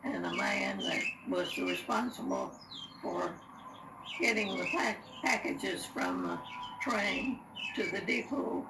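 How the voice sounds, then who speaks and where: A very old woman, over a hundred, recalls her past in halting, unscripted short phrases. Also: medium pitch, wildly swooping pitch. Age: very old, over 100. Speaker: interviewee recalling childhood. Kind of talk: unscripted reminiscence. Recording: roomy, distant, noisy with birdsong.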